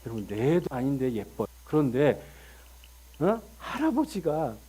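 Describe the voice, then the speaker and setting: Man, middle-aged, pastor, sermon, animated storytelling, somewhat high, warm dark tone. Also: normal speed. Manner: animated storytelling, acts out dialogue with sudden loud outbursts.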